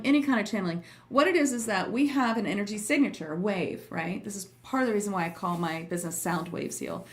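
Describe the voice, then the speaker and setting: A woman talks casually to her livestream viewers as their teacher and host. Her voice sits at an average pitch for a woman, and her manner is informal, effusive and prone to giggles. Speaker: host and trance channeling teacher.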